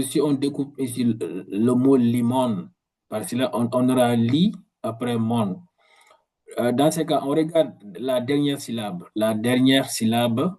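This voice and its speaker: A man teaching a language in a video lesson, explaining slowly and repeating words, often restarting his sentences. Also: mid-range voice, dark tone, rough recording. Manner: slow, repetitive explanations with frequent restarts.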